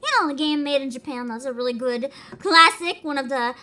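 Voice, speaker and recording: A woman chatting casually on a reaction livestream, excitable, giggly and given to exclaiming as she hosts. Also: sits high, fairly quick. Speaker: streamer, host.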